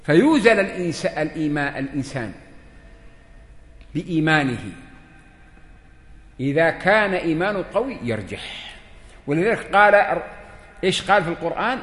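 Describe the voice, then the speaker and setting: A man with a slightly high, fairly bright, sing-song voice leads a religious lesson for a seated audience, speaking at normal speed and pausing often. He questions listeners and acts out conversations, and the hall echoes.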